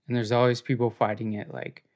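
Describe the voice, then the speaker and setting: A man's voice: mid-range voice, level tone, a little fast, a little mellow. A man co-hosting a podcast in casual chat, joking and rambling in a laid-back way. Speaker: podcast co-host.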